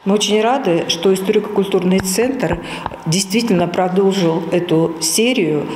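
A middle-aged woman speaks in a news interview with a medium-pitched voice. The hall rings around her, with faint background noise. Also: moderate pace, a little mellow. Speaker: event participant. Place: gallery room, indoors. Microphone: handheld TV microphone. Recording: echoey room with faint noise.

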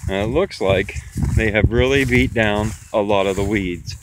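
A man with a lowish voice speaks at a normal pace over some background noise. He's a farmer giving a plain, matter-of-fact walking tour of his pasture, explaining things to a camera he holds as he walks outdoors.

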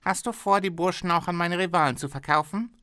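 A man voicing a greedy, fretful factory owner in an audiobook reading, with a strained, excitable tone. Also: high voice, fairly quick, smooth, no echo, clean studio sound, pitched above the performer's own voice. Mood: scheming.

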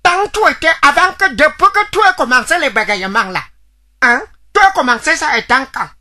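A woman's voice: high-pitched, animated, fairly quick, bright, forceful tone. A woman playing a blunt village healer who questions a patient and mixes in pidgin. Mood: questioning. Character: folksy village healer doctor. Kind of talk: comedy sketch acting.

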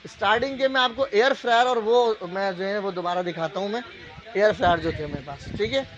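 A man with a Pakistani accent giving a casual, unscripted live sales pitch as a shop salesman, repeating prices and tag phrases. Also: brisk, fairly bright tone. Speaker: shop salesman hosting a live sale video. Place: indoor appliance store, walking the aisles. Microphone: handheld phone. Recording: dull lo-fi phone audio, shop noise.

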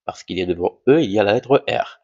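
A man teaching a reading lesson, slowly sounding out letters and syllables and repeating each word three times. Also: lowish voice, animated, mellow, breathy edge. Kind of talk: slow classroom reading drill. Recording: dull lo-fi recording.

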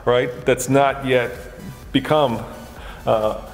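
A middle-aged man hosting a car show, chatting in a quick, relaxed, conversational way. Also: medium pitch, soft background music. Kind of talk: casual chat. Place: large underground parking garage. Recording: roomy, long garage reverb.

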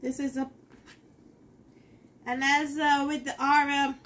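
A woman's voice: sits high, flat delivery, takes it slowly, a bit bright. A middle-aged woman giving a casual cooking demonstration in her home kitchen, chatting to viewers as she works. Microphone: fixed camera in front of the counter.

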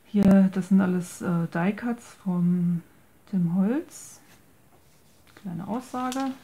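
This craft video maker, a native German speaker, draws out her words in a warm, mid-range voice as she presents a handmade journal at an indoor tabletop. There's slight hiss or hum, and her casual show-and-tell is hesitant, with English craft terms sprinkled in as she gropes for words.

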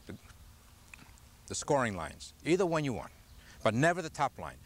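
At a moderate pace, an older golf instructor with a mid-range, widely swinging voice teaches outdoors on a grassy driving range. He patiently asks the group questions while explaining, recorded by a camcorder from afar.

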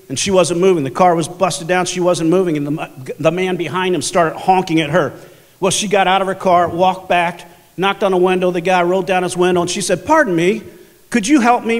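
Animated high-voiced preacher in a big hall. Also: male voice. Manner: storytelling preacher, animated and emphatic. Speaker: pastor. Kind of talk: sermon. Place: large church sanctuary.

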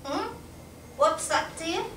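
A woman's voice: very high-pitched, animated, slow, a bit bright, exaggerated voice. An older woman playing a confused, childlike, querulous elderly mother in a staged play reading. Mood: furtive, fretful. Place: small indoor stage. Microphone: far camera. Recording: echoey small theatre, distant mic, noisy.

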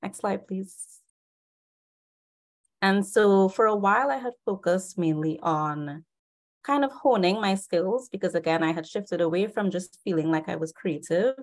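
A young woman from Trinidad and Tobago, giving a friendly, steady online presentation about her art. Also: lowish voice, moderate pace. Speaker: artist presenter. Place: indoors, video call. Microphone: video call.

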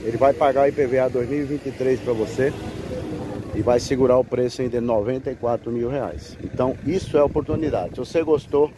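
In a walkaround sales video shot on his own handheld phone, a Brazilian man who brokers cars shows off a pickup at an outdoor car fair. His pitchy sales patter comes fairly quickly, and the outdoor phone audio picks up background noise.

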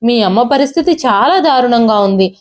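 A woman's voice: on the high side, lively intonation, fairly quick, close to an everyday voice. Woman narrator as elderly father over 60, desperate and pleading, tearful.

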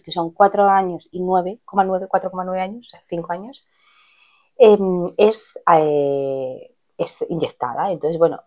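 A woman, chatting casually to camera in a rambling way, acting out what others said. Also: lowish voice. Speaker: vlogger.

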